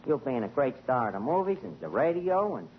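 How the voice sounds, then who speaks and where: A man acts as Archie, a wisecracking, streetwise tavern manager in a 1940s radio comedy. His medium-pitched voice is very animated and a little fast, heard through a muffled, noisy old broadcast.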